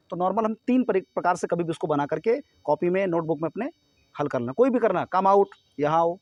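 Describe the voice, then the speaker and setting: A man's voice: high voice, a little mellow, no room sound. A man from India teaching a grammar lesson to students, explaining step by step and often checking that they follow.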